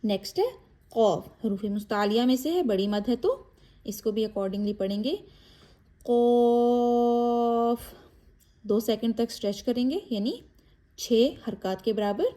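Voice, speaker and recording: A woman teaching a step-by-step Quran reading lesson, explaining each letter briefly and then reciting it with long drawn-out vowels, mixing English words into her explanations. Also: mid-range voice, dark tone.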